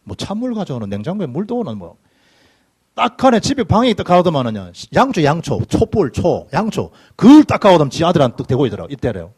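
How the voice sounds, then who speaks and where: Animated middle-aged pastor, husky. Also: male voice, on the high side, quick pace. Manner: animated storytelling, dialect speech, sudden loud bursts. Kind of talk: sermon with personal anecdotes. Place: church sanctuary.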